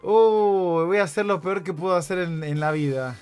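A young-sounding Argentine man with a high voice, cracking jokes through his let's play commentary and breaking into panicked yelps and screams. Clear music plays behind him throughout. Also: moderate pace, a little mellow. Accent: Argentine Spanish. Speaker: gaming YouTuber. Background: background music.

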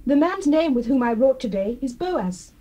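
An actress playing a humble, devoted young widow, gentle and earnest, in dramatized scripture. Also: female voice, sits high, lively intonation, moderate pace. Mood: meek, earnest. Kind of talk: dramatized scripture, classical stage acting.

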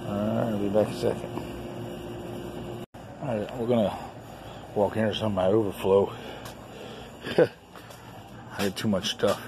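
Fairly low and fairly even in pitch, a middle-aged man talks at normal speed with long pauses. He's a toy collector and store owner vlogging a casual show-and-tell, tossing out short, folksy, offhand remarks. Shot outdoors in a backyard and cluttered shed on a handheld phone behind the camera, the recording is clearly noisy.

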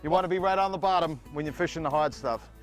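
A man's voice: a little high, quick pace, faint music behind. A man who captains a fishing boat, explaining conditions in a plain, matter-of-fact way. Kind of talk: casual explanation. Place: open fishing boat at sea.

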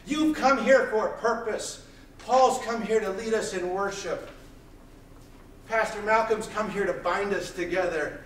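A man in his thirties preaching a sermon, pacing the stage of a small church with intense, loud delivery. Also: high voice, measured pace, slight background noise. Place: small church hall, indoors. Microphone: far camera, room mic. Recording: echoey church hall from far off.

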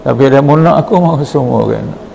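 A man with a deeply gravelly, dark voice gives a morning sermon in a Patani Malay accent. He tells stories and acts out prayers and short exchanges as he preaches. A faint ambient hum sits under his voice. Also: quick pace, rough recording. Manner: storytelling, quotes prayers and dialogue. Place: mosque hall.

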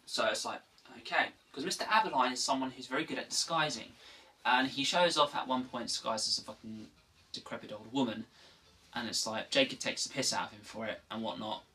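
A man talks through a game's story in a loose, rambling way, stopping and restarting his sentences as he goes. His voice is bright and forceful. He sits some distance from the microphone, so he sounds a little far off. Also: mid-range voice, fairly quick. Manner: rambling, with frequent restarts and asides. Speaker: gaming video host. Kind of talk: casual unscripted game recap.

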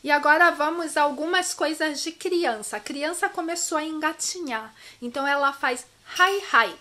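Bright high-voiced woman teaching playfully. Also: normal speed. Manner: playful, acts out each sound with expressive repetition. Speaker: Japanese language teacher and vlogger. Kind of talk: casual language lesson. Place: her home in Japan.

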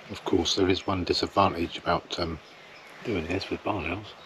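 Middle-aged English man, low and level delivery, casual outdoor vlog, arm's-length camera. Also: fairly even intonation, normal speed, background noise. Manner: plain, chatty, matter-of-fact. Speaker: wildlife photographer. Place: outdoors in a field by trees.

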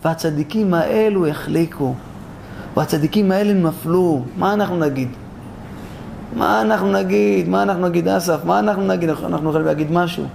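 High-voiced gravelly rabbi preaching. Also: male voice, background noise. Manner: animated, rhetorical questions, acts out voices. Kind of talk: storytelling sermon.

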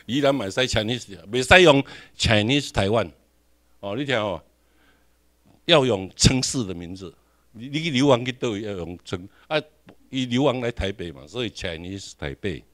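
A man's voice: on the low side, expressive, normal speed, a bit bright. A man with a Taiwanese accent giving a classroom lecture, questioning the audience and repeating his points.

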